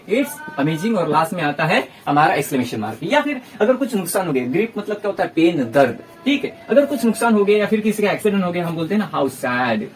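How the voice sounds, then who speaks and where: A man's voice: high voice, a little hiss or hum. Indian man teaching grammar from a distance. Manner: explains in Hindi mixed with English, repeats example words; checks in with frequent rhetorical questions. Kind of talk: grammar lesson.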